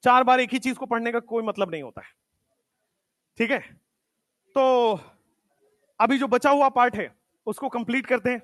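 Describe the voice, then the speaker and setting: A man with a high voice gives a motivational talk to his students in a classroom. He mixes Hindi and English and repeats his points to drive them home. The sound is close and dry, with little room echo. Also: a bit bright. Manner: hinglish, repeats points for emphasis. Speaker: coaching teacher.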